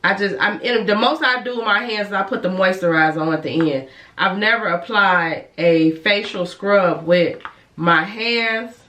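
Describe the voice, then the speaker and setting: A licensed cosmetologist with a slight cold vlogs a casual skincare review and demo, rambling and correcting herself as she goes. She speaks at a moderate pace in a medium-pitched, bright, forceful voice. The sound is echoey, from a mic placed at a distance.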